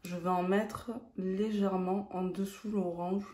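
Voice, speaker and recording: A woman explaining a makeup look step by step, in a calm tutorial manner. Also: mid-range voice, unhurried, reverberant. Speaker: beauty vlogger.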